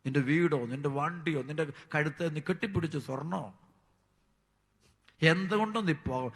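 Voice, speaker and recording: Impassioned high-voiced preaching priest. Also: male voice, in a large hall. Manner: impassioned preaching, swinging from loud high bursts to hushed low lines; addresses listeners fondly as children. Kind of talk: sermon.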